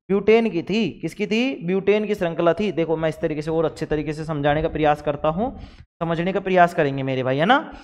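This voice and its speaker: High-voiced man teaching in an echoing room. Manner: repeats questions and answers them himself, calls students brother; voices imagined student replies. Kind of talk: classroom lecture.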